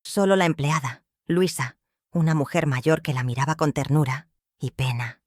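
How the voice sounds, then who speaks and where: A woman narrating a scripted family drama in a measured, dramatic way. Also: low-pitched, darkish tone, no echo, studio quality.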